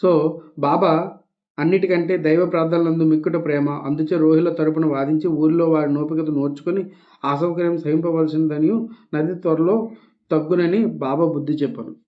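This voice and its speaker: A man's voice: a little high, fairly even intonation, normal speed. A man reading a devotional text aloud and explaining it in casual speech, with small restarts and English words dropped in. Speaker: devotional reader. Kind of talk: scripture reading with spoken commentary. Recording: tinny phone-like recording.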